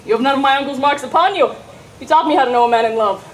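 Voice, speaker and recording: A woman's voice: high-pitched, racing, close to an everyday voice, rough recording. A woman playing a witty, teasing young woman disguised as a saucy youth, in theatrical, hammy Shakespearean stage comedy style. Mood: mocking, teasing.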